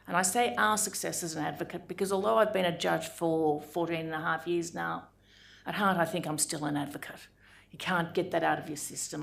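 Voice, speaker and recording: Measured woman in her sixties. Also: fairly low pitch, creaky. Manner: measured and deliberate, with frequent "um" pauses. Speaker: judge giving a lecture. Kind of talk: formal lecture. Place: lecture room.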